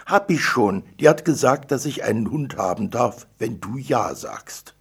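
A man's voice: medium pitch, animated, a little slow, creaky, husky, full character voice. A man voicing a stubborn little girl who pleads and whines to get her way. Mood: pleading. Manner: wheedling and whiny.

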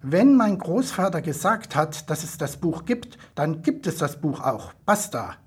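A man voicing a grumpy, proud young kobold boy in an audiobook, gruff and defensive. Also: a little high, sing-song, a little slow, heavily acted. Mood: indignant.

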